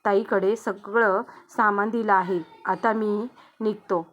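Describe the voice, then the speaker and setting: A woman's voice: medium pitch, steady tone, slow, fairly bright tone, lo-fi sound. A woman storyteller voicing a polite, respectful young man taking his leave.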